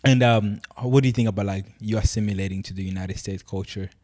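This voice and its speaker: A man's voice: on the low side, fairly even intonation, fast talker, darkish tone. A young man hosting a podcast, asking loose questions with many fillers in casual conversation. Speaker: podcast host.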